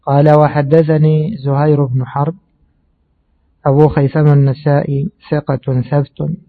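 A man giving a measured religious lesson on hadith, explaining slowly and pausing with fillers. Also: fairly high pitch, little pitch movement. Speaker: hadith teacher. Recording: tinny phone-like audio.

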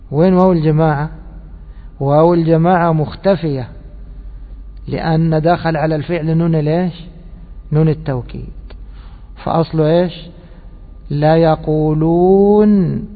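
Man teaching in a reverberant hall, tinny sound. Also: fairly high pitch. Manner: quizzing listeners with prompting questions; repeats and drawls key words slowly. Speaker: teacher of Quranic exegesis and grammar. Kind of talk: classroom lesson with questions to students. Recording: tinny phone-like audio with long hall reverb.

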